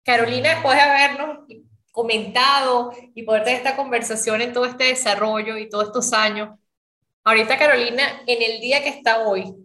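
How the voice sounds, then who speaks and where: Bright-voiced woman interviewer. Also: fairly high pitch, steady tone, a little fast, roomy sound. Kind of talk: interview host questions.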